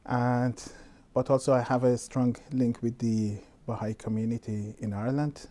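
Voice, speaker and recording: Scientist from Iran, interviewee, warm dark voice, calm and measured. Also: male voice, mid-range voice. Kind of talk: personal interview.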